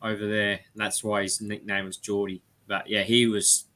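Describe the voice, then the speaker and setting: An Australian man hosting a casual live-stream chat, rambling and chatty, often speeding up in quick bursts. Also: on the low side, level tone, bright, forceful tone. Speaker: host.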